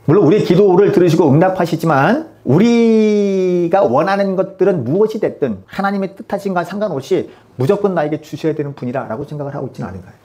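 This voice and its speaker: Male pastor, fairly high voice, rapid emphatic sermon delivery, peppered with rhetorical questions. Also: expressive, dark tone.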